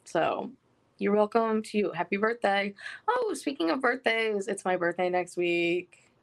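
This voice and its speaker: Here the young woman's pitch is medium and she sounds very animated, talking a little slowly with some vocal fry. She's a podcast co-host chatting casually over the phone, saying "like" often.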